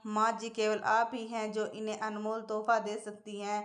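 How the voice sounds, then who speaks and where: A woman's voice: mid-range voice, monotone, normal speed, close to an everyday voice. A woman voicing a scheming grown son who coaxes his mother, in a storybook reading. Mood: coaxing. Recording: echoey room.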